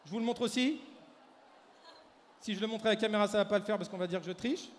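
A man performing a live mind-reading act, briskly directing the audience and volunteers on stage through a handheld microphone. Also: sits high. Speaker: stage mentalist. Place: large hall at a fair. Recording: echoey hall, faint crowd ambience.

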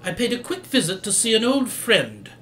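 A man playing Doctor Watson, high-voiced and animated. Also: normal speed, exaggerated voice. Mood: earnest, grave. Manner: courteous, earnest, formal. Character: earnest, polite Victorian gentleman doctor, detective's friend. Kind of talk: audio theatre period drama acting.

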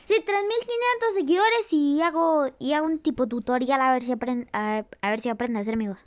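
Very high-pitched cartoonish put-on voice. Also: brisk, slight background noise. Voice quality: a put-on cartoonish character voice, not the speaker's real one. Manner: exclaims and repeats lines while watching; chatty with the audience, laughs at own slips. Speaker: YouTuber reacting to an animated series. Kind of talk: excited reaction commentary.

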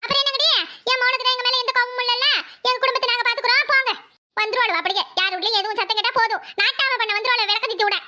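A woman voicing a scheming older village mother-in-law in a Tamil cartoon, with a southern Tamil accent and a shrill, whiny, melodramatic manner. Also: fairly even intonation, rapid-fire, pushed and bright, heavily acted. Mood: mocking. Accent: southern Tamil Nadu. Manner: fake wailing, scolding. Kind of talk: cartoon voice acting.

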